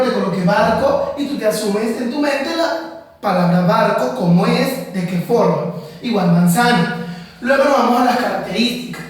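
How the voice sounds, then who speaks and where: Male teacher for a class lesson, slow and deliberate explainer, very echoey room, off-mic. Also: very high-pitched, recorded from a distance.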